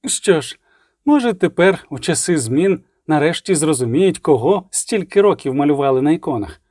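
A scornful green-skinned witch snaps back in a sharp, indignant tone, as a male reader puts her on. The pitch is lifted and the sound is close and dry. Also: lively intonation, normal speed, no room sound.

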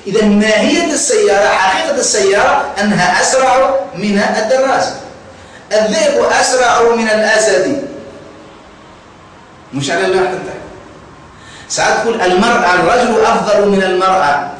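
A man with a Tunisian Arabic accent teaches a grammar lesson in a classroom, quizzing students and repeating key words. His voice sits high and a bit bright, his pace is brisk with long pauses, and he's recorded from afar in an echoey room with slight background noise.

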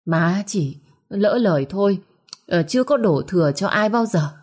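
A woman voicing a sharp-tongued middle-aged third wife who scolds and places blame in a shrill voice. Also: expressive, moderate pace, natural voice. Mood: sniping.

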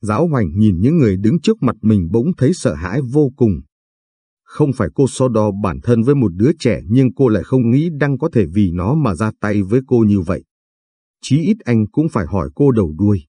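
A man narrating a scripted family story in a steady, even storytelling manner. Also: on the low side, brisk, husky, no room sound.

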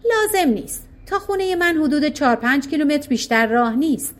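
A woman voicing a calm, shrewd old king in disguise in a storybook tale. He speaks politely, with gentle irony. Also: high-pitched, pitched above the performer's own voice, close to an everyday voice.

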